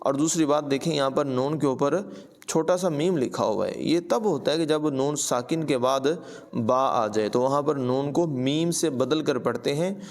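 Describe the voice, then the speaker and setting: A man giving a tajweed lesson, chanting verses slowly and melodically, then explaining pronunciation rules in quick instructive speech. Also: medium pitch. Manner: alternates drawn-out melodic recitation with brisk instructive commentary. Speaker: Quran recitation teacher.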